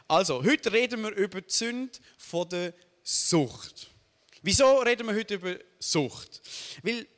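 A young adult man with a Swiss German accent preaching a sermon, often checking in with the audience. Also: sits high. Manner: animated, asks the audience "oder?" often. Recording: long hall reverb.

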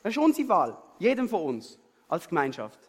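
A male pastor with a Swiss German accent preaches in a lively storytelling way, checking in with the congregation after nearly every sentence. His voice sits very high and swings widely in pitch. The sound carries the long reverb of a large hall. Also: normal speed, husky. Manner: lively storytelling, frequent tag questions. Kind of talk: sermon with a personal story.

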